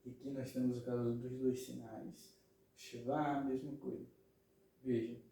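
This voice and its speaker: A man's voice: mid-range voice, little pitch movement, normal speed, gravelly, dark tone. A man teaching grammar patiently, repeating words and often checking that listeners follow. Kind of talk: explanatory lesson. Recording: very echoey room, mic at a distance.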